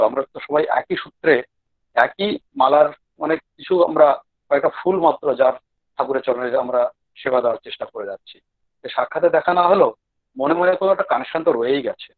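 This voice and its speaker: A man from Maharashtra, more at home in Hindi and Marathi, gives a humble devotional talk in halting, less practised Bengali mixed with English words over an online call. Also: mid-range voice, dry recording, narrow, tinny audio. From Maharashtra, India. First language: speaks Hindi and Marathi more readily than Bengali. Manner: humble, deferential. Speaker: guest devotional speaker. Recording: thin band-limited online call audio.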